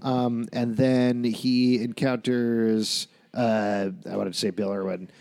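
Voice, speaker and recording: A man's voice: medium pitch, level tone, slow, vocal fry, a little mellow, no echo. A man hosting a casual podcast chat about a TV show, recapping the plot and joking around. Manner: leads the talk, recaps plot, jokes around. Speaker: podcast host.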